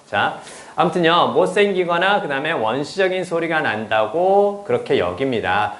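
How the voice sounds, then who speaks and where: The lecturer, a man with a fairly high and fairly bright voice, teaches English in an informal, echoey room. He's chatty and blunt, swears often, and regularly asks his students "right?".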